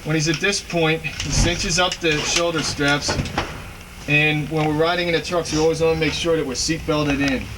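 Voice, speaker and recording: A heavily reverberant, noisy recording of a man giving a fire training demonstration. His voice sits a little high and somewhat away from the mic. He explains each step plainly, as an instructor does. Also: fairly even intonation, moderate pace. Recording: echoey, reverberant, distant mic, noisy background.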